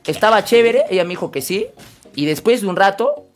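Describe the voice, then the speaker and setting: A man with a Peruvian Spanish accent chatting casually on a live stream while playing, excitable and swearing, often yelling at teammates. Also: sits high, fairly quick, faint music behind. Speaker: game streamer.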